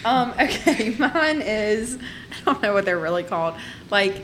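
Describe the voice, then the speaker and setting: A woman co-hosting a podcast, chatting casually with quick joking asides. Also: mid-range voice, expressive, a bit bright, slight background noise. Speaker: podcast co-host. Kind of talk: casual chat.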